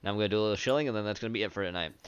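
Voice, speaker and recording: A man's voice: on the low side, rapid-fire, muffled recording, slight background noise. A man hosting a livestream, casually rattling off announcements with some profanity. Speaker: stream host.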